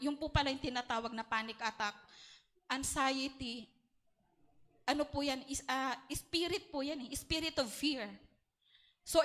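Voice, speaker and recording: A woman's voice: high-pitched, pushed and bright. A woman with a Filipino accent giving an earnest prayer and testimony at a church prayer meeting, mixing Tagalog and English.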